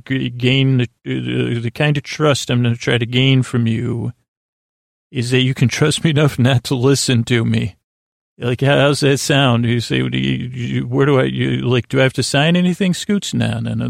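Speaking directly to the listener, this sleep podcast host from Syracuse, New York, rambles through a bedtime monologue in a creaky, medium-pitched voice. He's reassuring yet halting, meandering and tripping over his words. The sound is clean studio audio with no room sound.

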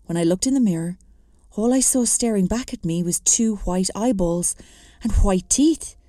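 A woman's voice: mid-range voice, moderate pace, mellow, dry recording, clean studio sound. A woman reading a memoir aloud with wry, self-mocking comic timing. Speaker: narrator.

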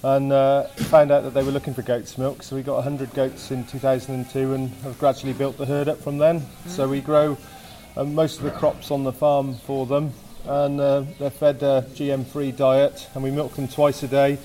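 A man's voice: medium pitch, little pitch movement, moderate pace, few pauses, mellow, a little hiss or hum. A man, a goat farmer, answering interview questions in a plain, hesitant way with many fillers.

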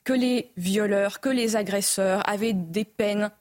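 A woman on a debate panel making her argument firmly and deliberately. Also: medium pitch, a little mellow. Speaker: panel guest. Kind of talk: debate talk show.

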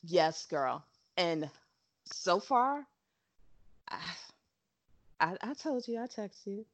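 Animated husky woman chatting. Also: mid-range voice. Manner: animated, laughs often, quick asides. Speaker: podcast co-host. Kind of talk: casual chat.

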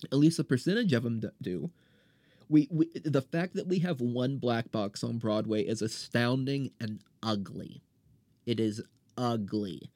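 A man's voice: medium pitch, darkish tone, no room sound. A man hosting a solo podcast, ranting in a blunt, profane, riled-up way and often restarting his words. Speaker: podcast host.

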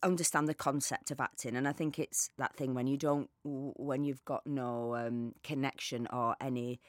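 A woman's voice: extremely low pitch, normal speed, no echo, clean studio sound. A woman with a Northern English accent, a guest actor in casual chat, self-deprecating and chatty. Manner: chatty, self-deprecating, slips into lively quoted voices.

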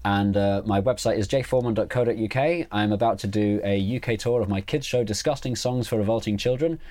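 A man, a guest comedian, chatting on a podcast with deadpan, absurd jokes. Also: lowish voice, fairly quick. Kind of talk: casual podcast chat.

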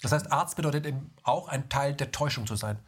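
A man's voice: mid-range voice, fast, breathy edge. A man interviewing a doctor, asking probing, thoughtful questions.

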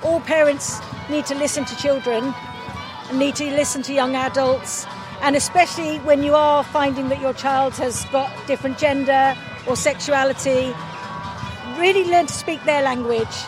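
A woman with a high voice speaks earnestly in an interview. She is outdoors, with music clearly audible behind her. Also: steady tone, moderate pace, rough recording. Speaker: event interviewee. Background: music at an outdoor event.

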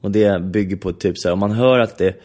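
A man's voice: on the low side, a little mellow. A man in casual chat, telling long stories with many restarts and filler phrases.

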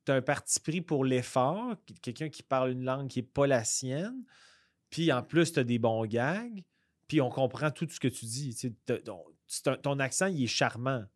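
A man with a Québécois accent chatting casually as a comedian guest on a podcast, rambling with many halting restarts. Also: mid-range voice, lively intonation, no room sound, clean studio sound.

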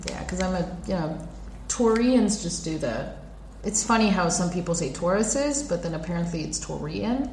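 A young adult woman in casual chat, talkative and quick to laugh. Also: fairly low pitch. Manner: chatty, laughs often, animated. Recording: echoey room, faint background noise.

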